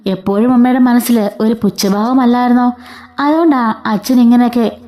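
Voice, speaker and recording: A woman's voice: fairly high pitch, fairly even intonation, normal speed, warm tone, natural voice. A woman voicing a distressed young daughter who pleads for her ailing father. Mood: pleading. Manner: pleading, upset.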